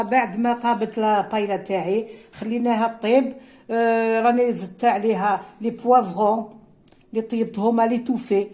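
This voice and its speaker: A Kabyle-speaking woman with a warm, mid-range voice hosts a home cooking tutorial for her cooking channel. She switches between French and Arabic and uses many hesitant fillers.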